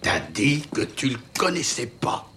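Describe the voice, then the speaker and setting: An actor playing a menacing old male house servant who slowly questions someone in dubbed film dialogue. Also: very animated, pushed and bright, a little hiss or hum. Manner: slow, low, probing questions.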